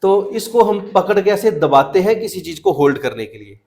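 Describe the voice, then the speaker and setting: High-pitched and creaky with a darkish tone, this young man's voice swings widely in pitch at a moderate pace. He teaches a children's math class in Hindi and English, pressing students with repeated questions until they answer.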